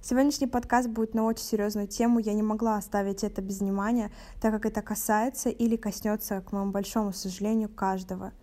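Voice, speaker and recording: An eighteen-year-old woman from Russia hosting a podcast, speaking in a calm, measured, earnest way. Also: medium pitch. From Novorossiysk, Russia. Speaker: podcast host. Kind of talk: podcast talk.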